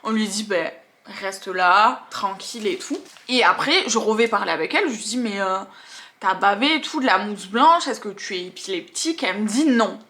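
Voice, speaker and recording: Bright-voiced woman telling stories. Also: mid-range voice, moderate pace. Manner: animated, acts out scenes and quotes. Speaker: tattoo artist. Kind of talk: storytelling vlog.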